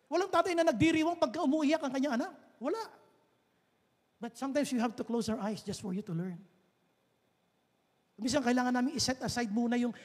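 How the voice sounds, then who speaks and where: A man preaching a sermon as pastor, shifting between loud exhortation and soft, low asides. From Philippines. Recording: husky voice with long church-hall reverb.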